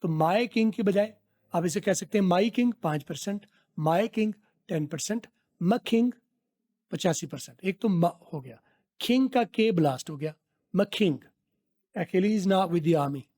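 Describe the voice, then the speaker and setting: A middle-aged man from Pakistan teaching spoken English, repeating phrases slowly to drill pronunciation. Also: high-pitched, lively intonation, dark tone.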